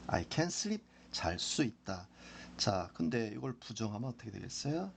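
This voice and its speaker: Slow, gravelly man teaching English. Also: on the low side, sing-song, slight background noise. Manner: repeats phrases slowly for drilling. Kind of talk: slow explanatory lesson.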